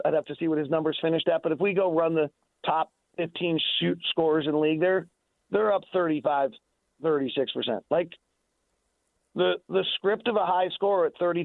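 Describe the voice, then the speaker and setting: An American man with a fairly high voice argues sports on the radio, unscripted, calling in over a thin phone line with no echo. He is insistent and emphatic and keeps repeating his points.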